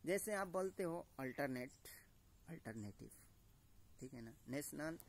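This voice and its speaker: Slow-talking male teacher. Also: a little high, animated. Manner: repeats "ठीक है दोस्तों", mixes Hindi and English words. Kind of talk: classroom-style lesson.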